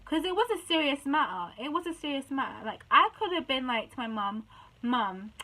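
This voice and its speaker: A woman's voice: sits high, big pitch swings, a little fast, pushed and bright, low-quality recording. A young woman telling a story to camera in indignant, chatty vlog talk, often restarting her sentences. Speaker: vlogger. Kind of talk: casual storytime chat.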